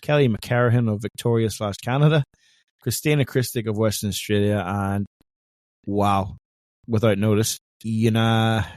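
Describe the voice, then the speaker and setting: Male co-host, low and mellow, chatty banter, dry close recording. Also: steady tone, unhurried, no room sound. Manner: chatty, joking, leans on "mate". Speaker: podcast co-host. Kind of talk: casual sports chat.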